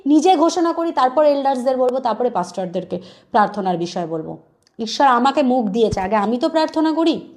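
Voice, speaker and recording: A woman preacher giving an earnest, exhorting sermon, slipping English words into her talk. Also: high-pitched.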